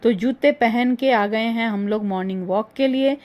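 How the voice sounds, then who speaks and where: A middle-aged woman chatting through a casual vlog voice-over, rambling and homely, her voice a little hoarse. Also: on the high side, normal speed, darkish tone. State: slightly hoarse. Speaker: vlogger. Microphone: phone.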